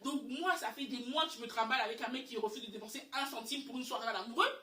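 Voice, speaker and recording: A young woman telling a story in casual chat, animated and exasperated, often repeating her words. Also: fairly high pitch, very fast. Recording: echoey room, far from mic.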